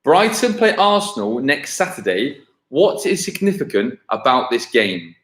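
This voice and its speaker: With a medium-pitched, fairly bright voice that swings widely in pitch, a man hosts a live-streamed football quiz. He says every question again slowly and clearly and chats with viewers casually, all in an echoey home livestream setup.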